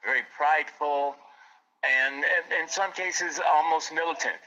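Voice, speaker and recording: A man who owns an art gallery speaks earnestly in a relaxed interview, doubling up words as he goes. His voice is bright with a sharp edge. The audio sounds dull and lo-fi. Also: fairly high pitch, unhurried. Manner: earnest, repeats words as he talks. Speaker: art gallery owner, guest. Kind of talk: casual interview.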